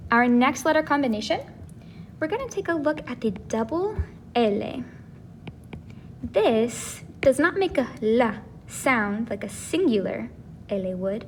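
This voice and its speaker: A woman teaching a casual video lesson, who explains slowly and repeats each sound. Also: high voice, slight background noise. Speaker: Spanish teacher.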